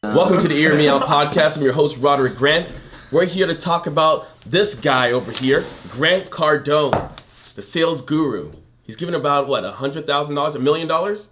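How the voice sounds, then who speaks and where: A man's voice: fairly high pitch, moderate pace, music in the background. A man hosting a podcast in a brash, joking, teasing way, bantering with his co-hosts. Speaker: podcast host. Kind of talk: casual podcast chat.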